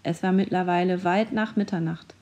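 A woman narrating a children's story aloud with a clear storytelling delivery. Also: fairly low pitch, steady tone, moderate pace, darkish tone.

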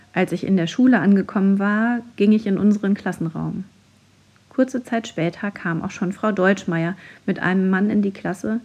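A woman narrating a children's story in the first person, steady and unhurried. Her voice sits at a middle pitch with a soft, husky breathiness. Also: lo-fi sound. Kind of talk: reading a children's story aloud.

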